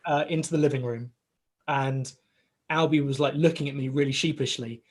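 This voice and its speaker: A man in his thirties co-hosting a casual podcast, telling a rambling, animated story full of "like" and "right?" and acting out bits of dialogue. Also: medium pitch, moderate pace. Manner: acts out quoted dialogue in the story. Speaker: podcast co-host, father of a young boy. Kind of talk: casual chat.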